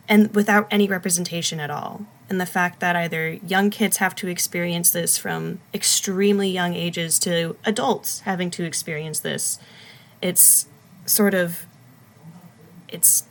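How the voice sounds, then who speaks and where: A woman's voice: fairly low pitch, steady tone, unhurried. A woman in a casual discussion speaking earnestly and with indignation. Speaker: discussion participant.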